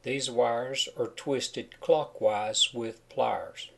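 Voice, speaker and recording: A man gives plain, step-by-step instruction in the manner of a homemade tutorial. His mid-pitched voice has a noticeable whistle on sibilants, caused by a chipped tooth. He explains each point simply, as a do-it-yourself instructor. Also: fairly even intonation, drawn-out words, gravelly. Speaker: DIY home wiring instructor. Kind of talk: narrated how-to tutorial over photos.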